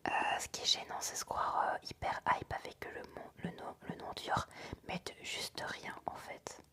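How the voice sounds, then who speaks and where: A tired woman whispering intimately, right in the listener's ear, as she hosts a relaxed ASMR livestream chat. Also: normal speed. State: tired, sleepy.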